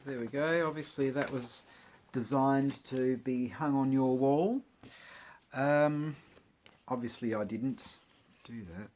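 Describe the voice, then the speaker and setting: A man's voice: medium pitch, takes it slowly, pauses often, a little mellow, a little hiss or hum. A man chatting casually about his record collection, with wry, jokey asides. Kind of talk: casual chat while unboxing records.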